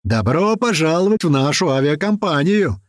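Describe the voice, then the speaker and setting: A man voicing Kotleta, a reckless cheerful male fighter who shouts with glee. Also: mid-range voice, very animated, measured pace, no room sound, clean studio sound. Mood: gleeful shouting. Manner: shouting, gleeful.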